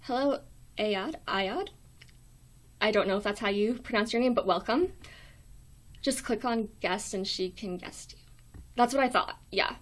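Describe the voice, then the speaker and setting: A young American woman hosts a casual livestream from a small dorm room, sounding hesitant and apologetic. Her voice is weak and thin, medium in pitch, and she talks at a moderate pace.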